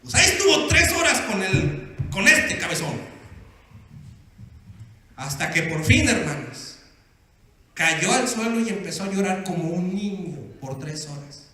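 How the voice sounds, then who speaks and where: A male pastor with a very high, sharp, ringing voice, preaching with emphatic calls to the congregation. His voice swoops widely in pitch. The sermon rings through a big, reverberant church hall. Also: sing-song, measured pace, long pauses. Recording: echoey hall with long reverb.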